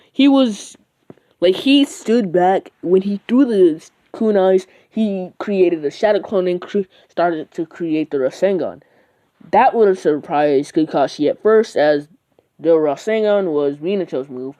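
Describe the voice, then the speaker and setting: A casual fan storyteller rambles through an imagined plot, often restarting sentences and leaning on fillers. The voice has a mellow, darker tone at a middle pitch.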